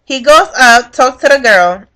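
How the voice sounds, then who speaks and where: Young woman vlogger, unhurried and bright-toned, cursing as she tells a story and plays out every quote. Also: sits high. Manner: animated, profane storytelling, acting out quotes. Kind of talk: casual storytime vlog.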